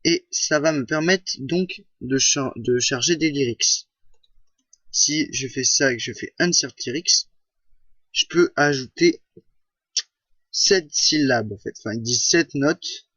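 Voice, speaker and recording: A man slowly walks through a software tutorial, hesitating often, using many fillers and correcting himself mid-sentence. His mid-range voice is slightly rough. Recorded at a home computer, the audio is dry, a little dull, and has no echo.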